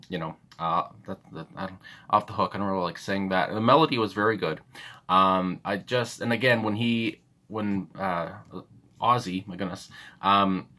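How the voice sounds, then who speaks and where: A man's voice: fairly low pitch, sharp tone. A young man hosting a music reaction, talking in a hesitant, rambling way with many fillers and restarts. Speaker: music reaction channel host. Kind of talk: casual unscripted commentary.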